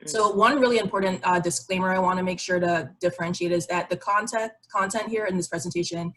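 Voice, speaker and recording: A rough recording captures a young woman from Barbados whose voice is lowish, steady, quick and a bit bright. As a psychiatry resident in an online meeting with shared slides, she gives an explanatory, informal presentation in a conversational way.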